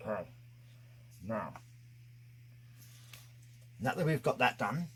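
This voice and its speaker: Speaking slowly yet very animated, this man walks viewers through a relaxed craft project one step at a time. His medium-pitched voice is a bit bright and slightly rough, dampened by the mask covering his mouth.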